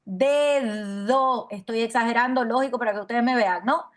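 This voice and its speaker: A woman teacher giving an online phonetics lecture. She slowly sounds out syllables over and over and keeps checking that students follow. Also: a little high, fairly even intonation. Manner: demonstrative, repeats syllables and checks understanding often.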